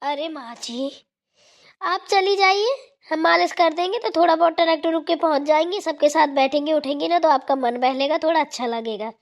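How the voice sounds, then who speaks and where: A dutiful cartoon daughter-in-law, voiced by a woman, earnestly explains her busy day. Her voice is high and bright. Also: normal speed. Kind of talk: cartoon voice acting.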